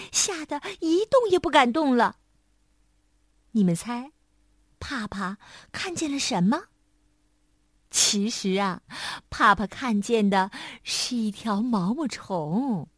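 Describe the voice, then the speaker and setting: A woman storyteller narrating a children's story, sing-song and expressive, speaking to little listeners. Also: high-pitched, dry recording, clean studio sound.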